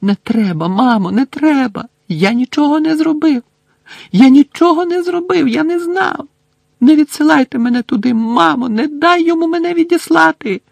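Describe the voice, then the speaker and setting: A man voicing a young man in chains who begs and cries in a high, strained voice. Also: lively intonation, slow pace, creaky, hardly any pauses, a little mellow, no room sound, exaggerated voice. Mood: desperate pleading. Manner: high, crying, begging.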